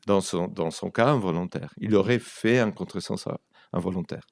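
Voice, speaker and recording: A deep, gravelly voice at normal speed belongs to a man from Argentina, a native Spanish speaker with an Argentine accent. As a writer and translator being interviewed, he chats through anecdotes while often reaching for words, in clean studio sound without echo.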